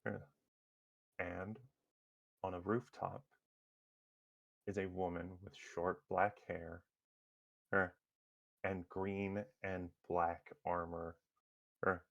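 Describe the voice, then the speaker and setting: A man narrating a tabletop superhero game as game master, halting with many fillers and restarts. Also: sits low, gravelly, highs cut off.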